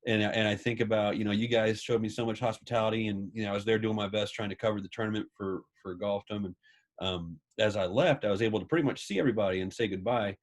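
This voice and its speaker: A man interviewing a guest over a video call, a chatty, animated storyteller. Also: on the low side, quick pace. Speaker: magazine editor and interviewer.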